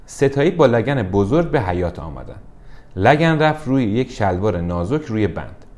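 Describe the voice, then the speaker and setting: A man narrating a children's storybook in a gentle, measured way. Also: fairly low pitch, big pitch swings.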